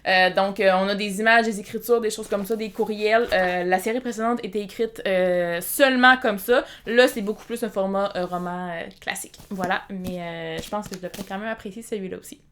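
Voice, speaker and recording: A woman's voice: mid-range voice, fairly even intonation, fairly quick, few pauses, fairly bright tone. Chatty Québécois woman book vlogger. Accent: Québécois French. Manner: chatty, rambling, frequent "euh" fillers. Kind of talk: casual book haul vlog.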